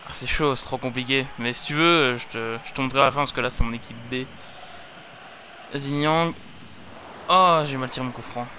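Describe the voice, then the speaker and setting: A man's voice: medium pitch, brisk, pauses often, sharp tone, a little hiss or hum. A young man casually commenting on his own gameplay at home, chatty and rambling, often correcting himself mid-sentence. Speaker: gaming YouTuber. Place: home gaming setup.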